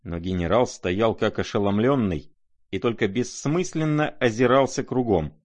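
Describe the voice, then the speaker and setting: A man narrating a classic novel as an audiobook, dramatic and measured. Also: fairly low pitch.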